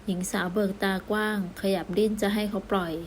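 A woman's voice: medium pitch, fairly even intonation, fairly quick, a little hiss or hum. Woman narrating a romance novel. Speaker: audiobook narrator.

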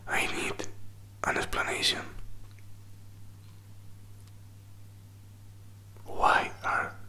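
A man in his twenties in a whispered role-play, playing a hurt, jealous boyfriend who pleads haltingly in breathy, non-native English, close to the microphone. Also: natural voice. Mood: hurt, confused. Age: 20s. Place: small indoor room. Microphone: close desk microphone with furry windscreen.

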